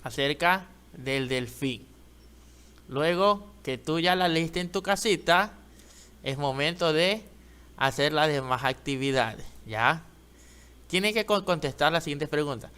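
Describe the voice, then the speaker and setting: A man with an Ecuadorian Spanish accent teaching young children to read, speaking slowly and patiently and sounding out words. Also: on the high side, animated, sharp tone, far from the mic. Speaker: primary school teacher. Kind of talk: online reading lesson for young children. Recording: echoey room, voice a little off-mic.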